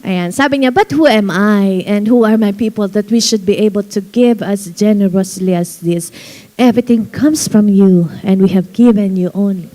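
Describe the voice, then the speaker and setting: A woman pastor preaching a sermon in church, animated, slowing down to read verses and laughing often. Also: mid-range voice. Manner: animated preaching mixing Tagalog and English, reads verses slowly, laughs often.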